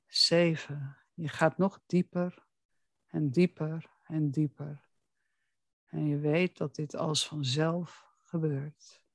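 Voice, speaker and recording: A hypnosis guide speaks very slowly and soothingly, as if right in your ear. The sound is dry and close to the microphone. Each instruction is placed deliberately, in an intimate relaxation style at a middle pitch. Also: fairly even intonation, no room sound.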